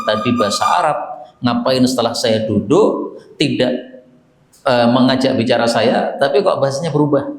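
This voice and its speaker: Male Islamic teacher, sermon-style lesson, Javanese Indonesian accent, mid pitch, echoey hall. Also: creaky. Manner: explains Arabic phrases word by word, addresses listeners as Pak.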